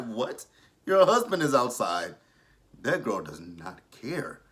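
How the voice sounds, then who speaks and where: With a medium-pitched, fairly bright voice, big pitch swings and a slow pace, a man of thirty delivers casual vlog commentary reviewing a TV episode. He's blunt and opinionated, swearing freely as he goes.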